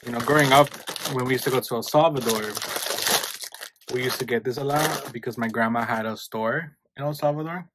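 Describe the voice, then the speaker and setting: A man's voice: medium pitch, fairly quick, background noise. A man, chatting casually in a snack vlog and switching between English and Spanish. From New York, USA. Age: 20s. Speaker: YouTuber.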